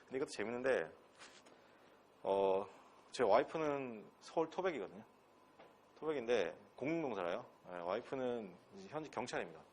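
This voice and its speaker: A transfer-exam academy English instructor from Pohang, South Korea, lectures in a Gyeongsang accent with a mid-range, animated voice at a moderate pace, over slight background noise. His style is blunt and casual, laced with crude slang and a stream of rhetorical questions for the students.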